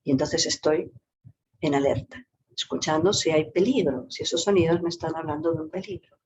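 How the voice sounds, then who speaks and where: A woman who works as a psychologist and yoga teacher explains a topic in a talk, using lively, varied intonation and playful vocal demonstrations. Her voice sits low and her pace is brisk. The recording is dull and lo-fi, with slight background noise.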